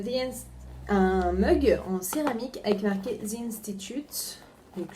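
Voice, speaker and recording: A woman's voice: mid-range voice, mellow. A young woman chatting casually as she unboxes a book subscription box, talking to her front-facing camera with many hesitations and repeated words. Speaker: book vlogger.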